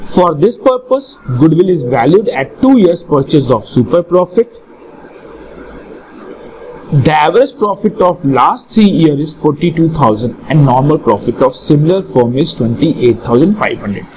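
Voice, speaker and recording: A man's voice: fairly high pitch, expressive, a little slow, darkish tone, rough recording. A man with a North Indian accent teaching a live online lesson, questioning and instructing students and often repeating his phrases. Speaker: accountancy teacher.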